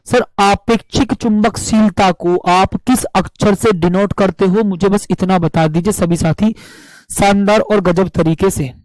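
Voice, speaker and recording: A man teaching a live online physics class with a sore throat, speaking slowly and drilling students with repeated questions and answers. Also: high-pitched, fairly even intonation, darkish tone, no room sound, poor audio. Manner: asks viewers to comment answers.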